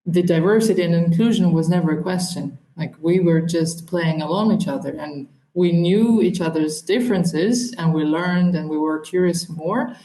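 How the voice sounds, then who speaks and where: Podcast guest: young woman from southern Russia, non-native, mellow tone, reflective with pauses, roomy echo. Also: lowish voice. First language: a minority language of Russia. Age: young adult. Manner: thoughtful, hesitant, with frequent ums and laughs. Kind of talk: reflective interview talk.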